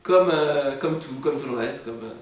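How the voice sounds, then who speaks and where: A man's voice: medium pitch, moderate pace. A man giving casual, mocking film commentary, exasperated and sarcastic, with outbursts and swearing. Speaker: host reacting to an animated film. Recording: echoey room, distant microphone.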